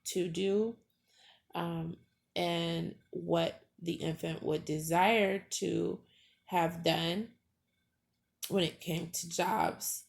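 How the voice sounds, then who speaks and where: A woman hosting a paranormal session, talking to spirits with solemn questions in a halting, deliberate way on a noisy amateur recording. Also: on the low side, steady tone, vocal fry. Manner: halting, deliberate, pausing between phrases.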